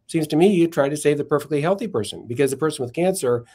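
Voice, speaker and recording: A mellow, high-leaning voice belongs to a man being interviewed on a podcast. He works through philosophical arguments methodically and at a measured pace, frequently revising himself mid-phrase.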